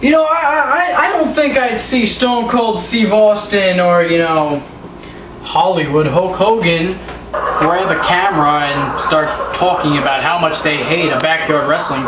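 Sarcastic 18-year-old man cutting a promo. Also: sits high. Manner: sarcastic, taunting. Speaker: backyard wrestler. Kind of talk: wrestling promo. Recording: roomy, distant, noisy home recording.

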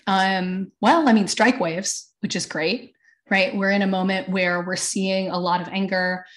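A woman's voice: mid-range voice, fairly even intonation, a little slow. A woman with a tired voice, speaking as a panelist on a webinar from her own room over a video call, chatty, with many fillers and asides. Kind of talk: webinar talk. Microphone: computer mic on video call.

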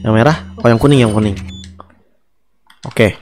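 Young male Indonesian game streamer, mid-pitched, chatty and repetitive, headset mic, music underneath. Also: a little mellow. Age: young adult. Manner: chatty, repeats words in quick strings. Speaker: gaming streamer. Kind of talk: casual gameplay commentary. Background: video game music.

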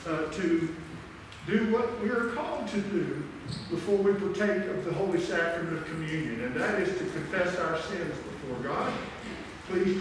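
An older man, a pastor, solemnly leading liturgy and prayer aloud in measured phrases to a congregation. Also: on the high side. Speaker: pastor leading a Christmas Eve communion service. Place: large church sanctuary, indoors. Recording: echoing cathedral-like church reverb, distant microphone, faint noise.

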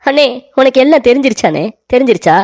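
A woman's voice: high voice, lively intonation, fast talker, over music. A woman voicing an emotional, naive young man in a cartoon story, talking in a whiny, pleading way. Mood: anxious.

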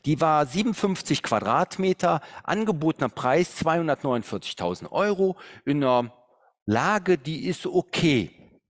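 Animated man storytelling in a property seminar. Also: on the high side, normal speed. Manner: animated storytelling, thinking aloud with hums. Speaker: real estate investment coach. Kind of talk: seminar talk with slides.

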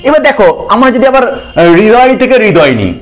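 A man's voice: very high voice, big pitch swings, fast talker. A man teaching a grammar lesson. He asks questions and answers them himself, calls the viewers friends and repeats the key points.

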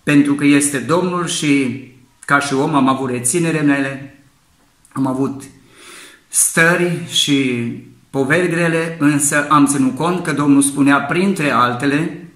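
Measured father's testimony, bright roomy voice. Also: a little high. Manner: measured, deliberate, halting speech. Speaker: bereaved father giving testimony. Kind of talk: testimony in church. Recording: roomy echo.

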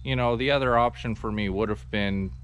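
A man, casually explaining his sawmill setup outdoors in a forest clearing, talking to a camera held at arm's length with plenty of ums. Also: lowish voice, brisk, lo-fi sound, a little hiss or hum. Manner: relaxed, rambling explanation with many ums. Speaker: sawmill vlogger. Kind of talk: casual walkthrough vlog.

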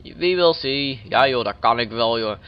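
A man's voice: medium pitch, animated, normal speed, clean tone, dull audio. A man giving playful, chatty commentary while playing a video game, joking with the characters. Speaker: let's play gamer. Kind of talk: casual gameplay commentary.

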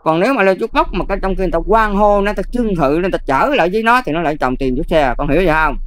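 An older Buddhist nun with a Southern Vietnamese accent, talking casually and emphatically, often checking whether the listener follows. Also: female voice, lowish voice, lively intonation, very fast, a little hiss or hum. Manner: emphatic, keeps checking "see?". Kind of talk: casual advice talk.

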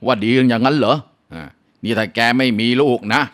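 A man's voice: mid-range voice, a little fast, voice pushed up, lightly acted. A man voicing a harsh older mother-in-law in a folk tale, berating her daughter-in-law with contempt. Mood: scolding.

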